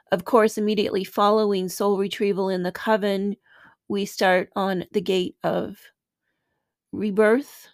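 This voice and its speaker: A woman hosting a spiritual podcast speaks slowly and gently, letting phrases trail softly, sometimes almost to a whisper. Her voice sits at a middle pitch. The sound is close and dry, with no room around it. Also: no room sound. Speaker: podcast host and spiritual teacher. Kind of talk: slow reflective podcast talk.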